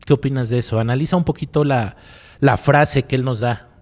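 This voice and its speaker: Brisk and a little mellow, a medium-pitched male voice belongs to a psychologist giving a reflective talk on the radio. He repeats key phrases, questions the listener rhetorically and tags remarks with "¿no?"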